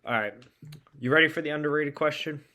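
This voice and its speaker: Guy hosting a sports podcast, casual and pumped up, bright voice. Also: on the high side, fast, slight background noise. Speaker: podcast host.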